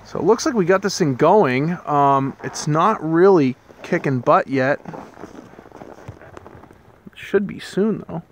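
A homesteading channel host, a man in his thirties, narrates a casual hands-on vlog shot on a handheld camera, first outdoors beside a pickup truck in snow and later in a workshop. He talks in a relaxed, rambling way, full of ums and restarts, with a fairly high voice, a slow pace, and long pauses. There's a little hiss or hum in the recording.

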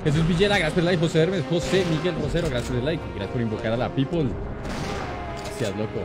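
A man hosting a gaming livestream, greeting chat with lively, slangy, playful banter. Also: fairly high pitch, fast, loud music behind the voice. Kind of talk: casual live-stream chat greeting viewers.

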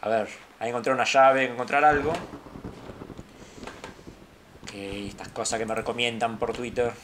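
Rioplatense let's-play gamer on a headset, middle pitch, chatty, muttering, jumpy, with faint hiss. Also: steady tone, a little fast, fairly bright tone. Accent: Rioplatense Spanish. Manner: chatty, drops to low mutters, startled outbursts.

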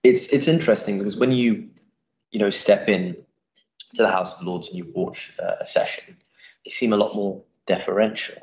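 A man's voice: on the low side, moderate pace, echoey room, lo-fi sound. A young man hosting a live interview and reading out audience questions in a wood-panelled office. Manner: friendly, reads audience questions.

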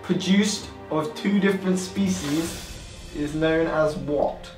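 A man's voice: a little high, slow, darkish tone, distant mic. A man in his twenties hosting a casual quiz and reading out questions. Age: 20s. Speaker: quiz host. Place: small tiled bathroom, indoors. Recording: echoey bathroom, off the mic, music.

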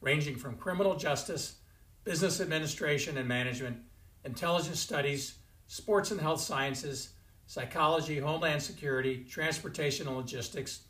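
A man in his sixties, a university president giving a formal commencement address from a home study, in a measured, stately delivery. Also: on the high side, fairly bright tone. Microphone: fixed camera, chest-up framing. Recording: roomy indoor echo.

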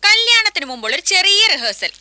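An actress playing a playful, teasing young wife in a family scene of a TV serial. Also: female voice, very high voice, big pitch swings, fast, pushed and bright, dry recording, heavily acted. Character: playful, chirpy young wife and sister-in-law. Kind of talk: TV serial acting.

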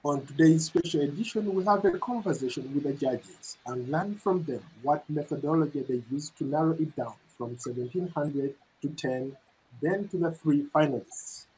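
A middle-aged man reporting and hosting a news interview, speaking in a measured way, with fillers when he ad-libs. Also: on the high side, darkish tone, a little hiss or hum, low-quality recording. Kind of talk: broadcast news narration and interviewing. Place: studio with branded backdrop. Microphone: lapel mic.

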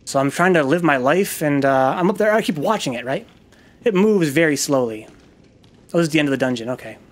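A man's voice: on the high side, lively intonation, a little fast. A man casually commenting on his gameplay while telling a long, rambling personal story, swearing freely and poking fun at himself. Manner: rambling, profane, self-deprecating storytelling. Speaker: gaming video host.

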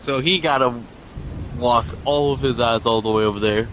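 A laid-back man joking around with friends during a horror game. His voice has a mid-range pitch, and his speech is loose and full of slang. Clear background noise runs under everything he says. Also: normal speed, a bit bright, rough recording. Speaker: player in a group horror game. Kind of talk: casual gaming chat.

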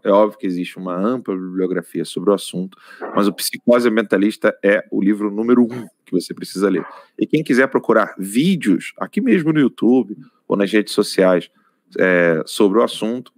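A Brazilian man with a low voice hosts a live-stream show, talking emphatically and urging his viewers on. He often stops to correct himself. The sound is dry and close. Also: no room sound. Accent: Brazilian Portuguese. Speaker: host.

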